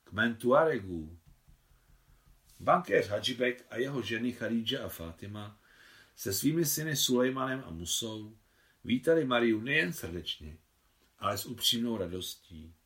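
A man calmly narrating a novel in a measured audiobook reading, as the translator of the text. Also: mid-range voice.

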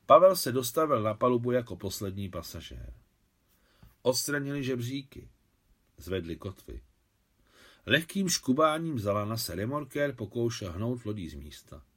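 A man narrating a novel in a calm, measured, mid-pitched voice. His reading is steady and even, in the manner of an audiobook. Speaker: audiobook reader. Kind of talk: scripted narration.

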